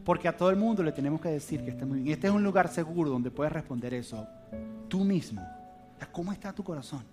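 A man preaching a sermon, telling a family story in an earnest, confiding way and dropping to soft, low tones. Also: expressive, quick pace. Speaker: pastor. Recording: music playing behind.

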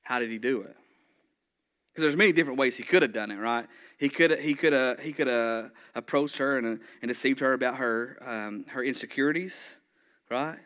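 A male pastor delivering a sermon, shifting between punchy emphasis and quick, joking asides to his congregation. His voice sits at an ordinary middle pitch for a man. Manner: lively preaching with jokes and asides to the congregation.

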